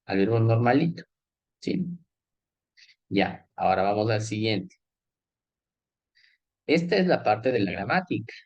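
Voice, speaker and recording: Slow, patient man teaching. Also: fairly low pitch, very animated, darkish tone, no echo, dull audio. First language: Spanish. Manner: explains step by step, checks in with "¿ya?" and "¿sí?"; switches between Spanish and English. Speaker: English teacher. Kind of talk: classroom grammar lesson.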